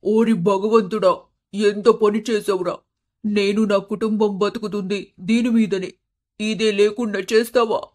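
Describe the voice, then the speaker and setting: A loud, scolding middle-aged shop owner for an animated moral story. His voice sits high for a man and pushes forward with raw complaint and blame. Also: moderate pace. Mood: grieving. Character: anguished middle-aged male cloth-shop owner, harsh-tongued.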